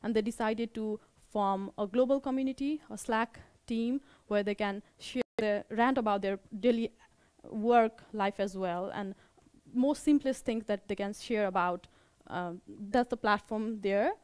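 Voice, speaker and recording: Presenting informally at a meetup she runs, a young woman with a Nepali accent speaks in a halting way, going back over her words to repeat and reword them. Her voice is medium in pitch, darkish and clean, recorded dry.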